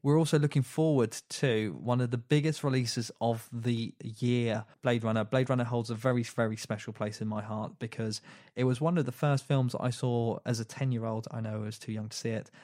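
A man's voice: mid-range voice, steady tone, brisk, mellow, no room sound, clean studio sound. A man hosting a casual film podcast, chatty, with frequent fillers and restarts. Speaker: podcast host.

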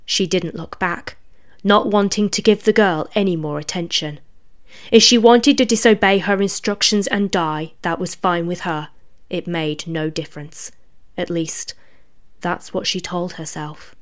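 A woman narrating a dark fantasy story in a steady, even reading voice. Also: fairly low pitch, unhurried.

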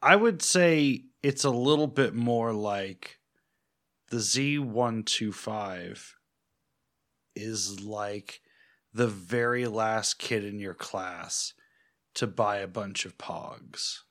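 A man co-hosting a motorcycle podcast, talking in a dry, wry way as he builds repetitive jokes. He speaks very slowly in a lowish voice. His tone has a bright, tense edge. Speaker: podcast co-host. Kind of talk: casual chat.

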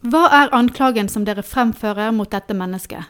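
A man voicing an anxious, imperious Roman governor in a dramatic scripture reading, with a raised, sharp, questioning manner. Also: sits high, smooth, voice pushed up. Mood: tense.

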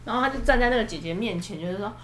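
A woman's voice: mid-range voice, lively intonation, very fast, fairly bright tone, a little hiss or hum. A woman chatting casually as a podcast co-host, telling stories in a rambling way and restarting her sentences often. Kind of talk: casual chat, storytelling. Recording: roomy room echo.

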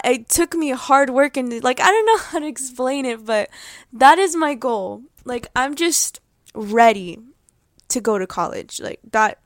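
This is a teenage girl speaking on her own podcast, rambling through a heartfelt update with plenty of fillers and restarts. Her voice sits a little high and she laughs easily. The recording is dry and close, with no room sound. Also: no room sound. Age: late teens. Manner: excitable, laughs often. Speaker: podcast host. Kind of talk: casual personal update.

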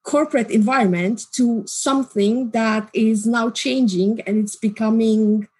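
Woman guest, husky and higher voice, calm and explaining stuff. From Romania. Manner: measured, explanatory. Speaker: guest, customer support team manager. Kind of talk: interview answers.

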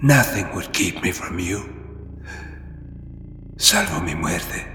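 Ghostly father figure voiced by a man, slow and low, roomy reverb. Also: very animated, bright, forceful tone, slight background noise, heavily acted. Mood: pleading. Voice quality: slow, deep, mixing Spanish and English. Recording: echoey hall, distant reverb.

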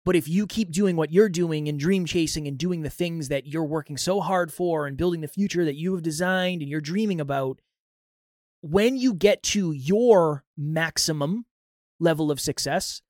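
A man's voice: a little high, normal speed, a little mellow, no echo, studio quality. A man hosting a motivational self-improvement podcast, explaining things earnestly in the manner of a life coach. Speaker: podcast host.

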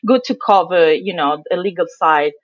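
A woman's voice: lowish voice, moderate pace, dry recording, highs cut off. A woman from Italy with a thick Italian accent, a guest explaining blogging and its legal side in a casual interview, chatty and often laughing.

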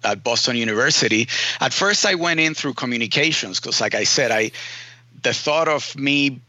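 A man's voice: medium pitch, lively intonation, moderate pace, sharp tone, no echo, dull audio. A man from Rico, a film editor telling his story casually in an interview, full of "you know" and "man". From Puerto Rico.

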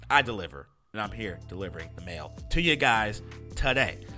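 A man's voice: lowish voice, very animated, fairly quick, sharp tone, soft background music. A young-adult American man hosting a solo gaming podcast, casual, profane and opinionated, with a froggy, congested voice from being sick. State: sick with a cold. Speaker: podcast host. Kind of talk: casual solo podcast commentary on video games.

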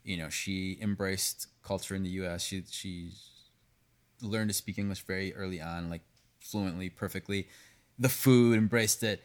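A man in his thirties with a somewhat low voice chats openly as a podcast guest. He talks about his work with lively, unfiltered energy, dropping swear words and restarting phrases as he goes. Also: moderate pace. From United States, raised partly in Venezuela. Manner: candid and animated, swears freely, frequent restarts. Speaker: pastry chef guest. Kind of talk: casual podcast conversation.

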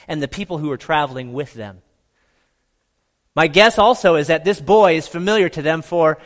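A man's voice: fairly high pitch, fairly bright tone. A man preaching a sermon as a pastor, in a conversational yet emphatic way. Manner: conversational, emphatic, rhetorical questions. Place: large room with a congregation. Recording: hall reverb.

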